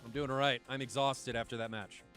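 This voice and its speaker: A man calling a match live as a caster, quick and excitable, shouting at the big moments. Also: medium pitch. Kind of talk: live play-by-play commentary. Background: music.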